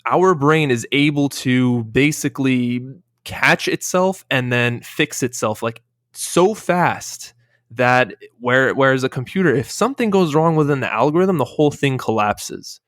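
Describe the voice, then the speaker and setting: Podcast host dude, mid voice, dry sound, explains stuff and keeps going right? right?. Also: male voice, medium pitch, animated, unhurried, a bit bright, dry recording. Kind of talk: casual discussion.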